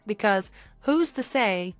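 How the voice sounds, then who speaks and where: A woman co-hosts a podcast in a casual advice chat, lively and playful, slipping into other people's voices. Her voice is dry and close, with faint music playing underneath. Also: medium pitch, slow pace, no echo. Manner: animated, acts out dialogue with others' voices. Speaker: podcast co-host.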